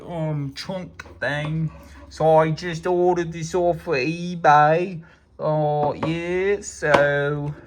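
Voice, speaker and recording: A man in a DIY car repair vlog doing a mock British accent, rambling chattily over a noisy background. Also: a little high. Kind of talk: casual chat.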